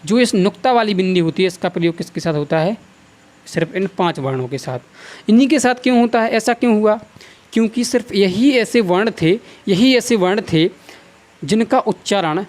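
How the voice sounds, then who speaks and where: With a North Indian accent, a high-voiced male teacher lectures on Hindi grammar to a class. Every sound gets slow, repeated drilling, and the questions he puts to the students are ones he answers himself.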